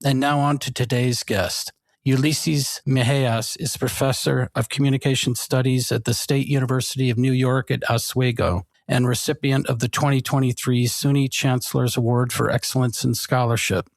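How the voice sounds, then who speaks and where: Male announcer, scripted podcast intro, formal and even, mid pitch, dry close mic. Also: moderate pace, no echo. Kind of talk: scripted narration.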